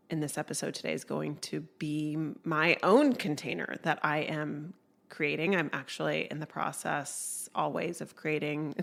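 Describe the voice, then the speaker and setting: A congested woman talks slowly and unhurriedly through a reflective solo podcast episode. Her low voice carries a gravelly, creaky edge, and her musing delivery is dotted with soft laughs. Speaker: podcast host.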